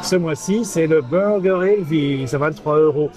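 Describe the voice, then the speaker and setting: A man's voice: on the high side, a little slow, over music. A man hosting a casual vlog, reading a diner menu aloud with many hesitant fillers and teasing his companion. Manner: playful and affectionate with his companion. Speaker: vlog host. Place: American-style diner restaurant.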